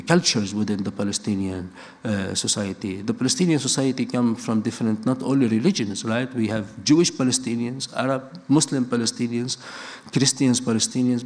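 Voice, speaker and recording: Speaking with a medium-pitched, darkish voice, a middle-aged man who grew up in Lebanon and speaks natively delivers an earnest public talk. He keeps restarting and repeats phrases to drive his points home.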